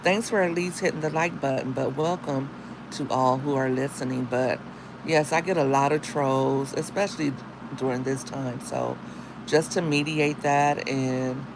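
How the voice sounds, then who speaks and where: In a steady tone and unhurried manner, a woman with a husky, deep morning voice chats casually with livestream viewers. She's a single mom and content creator who drops slangy asides. She records on a phone, with noise in the background.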